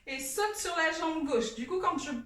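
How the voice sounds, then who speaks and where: Woman dance teacher, high voice, counts beats while demonstrating, recorded from a distance in an echoey studio. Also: moderate pace, a bit bright. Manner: demonstrating moves while talking, counts aloud, chatty asides. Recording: echoey room, voice from far off.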